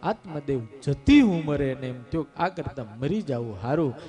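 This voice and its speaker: A man's voice: medium pitch, lively intonation, moderate pace, mellow, faint music behind. A man giving a religious discourse who chants Sanskrit verses, explains them and acts out the characters in the story. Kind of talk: Gujarati scripture discourse. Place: large outdoor gathering.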